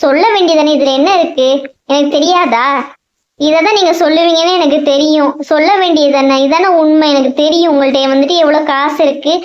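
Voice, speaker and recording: A woman's voice: high-pitched, steady tone, fairly quick, close to an everyday voice. A woman voicing a young boy who presses his father with hurt, insistent questions, in a cartoon. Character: young boy Somu, hurt and stubborn son. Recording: dull lo-fi sound.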